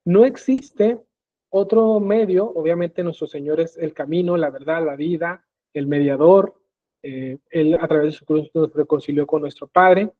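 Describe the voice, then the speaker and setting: A man teaching a live online Bible class in an explanatory way, often pausing to check in with his listeners. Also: a little high, no echo. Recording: tinny phone-like call audio.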